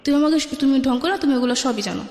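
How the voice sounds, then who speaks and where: A woman with a high voice and a Bangladeshi accent tells her life story as a guest, speaking colloquially at a racing pace with a darkish tone. She replays conversations by quoting both sides. The recording is very echoey, with a long reverb tail.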